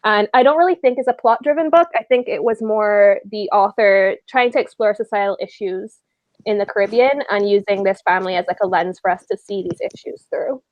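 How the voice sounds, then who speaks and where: A woman's voice: mid-range voice, brisk, no room sound, highs cut off. A woman, chatting and giggling on a book club video call. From Barbados. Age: 20s. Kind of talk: casual book club livestream chat.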